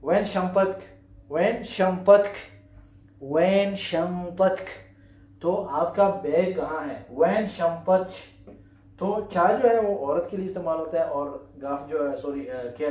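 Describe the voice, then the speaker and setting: A man teaching an Arabic lesson at a board, patiently repeating key words slowly with many pauses and fillers. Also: a little high, darkish tone, reverberant. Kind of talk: classroom-style language lesson. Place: room with a whiteboard.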